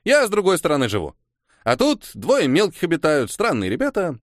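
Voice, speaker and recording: Guy putting on a hyper cheerful boy, clumsy, talks high and bouncy, storybook voice. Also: huge pitch swings, brisk, no room sound, clean studio sound. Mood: excited. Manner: bouncy, exclaiming, high-pitched.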